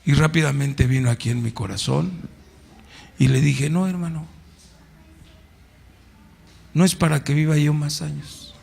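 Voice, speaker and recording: A man's voice: a little high, fairly even intonation, normal speed, gravelly, a little mellow, slightly rough. A middle-aged man with a Mexican Spanish accent, a pastor preaching in church in a conversational way and putting questions to the congregation. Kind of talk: sermon.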